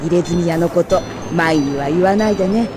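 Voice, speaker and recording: A woman's voice: lowish voice, moderate pace, lightly acted. A woman voicing a motherly middle-aged shopkeeper in a video game, speaking in a familiar, folksy way. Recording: music behind the voice.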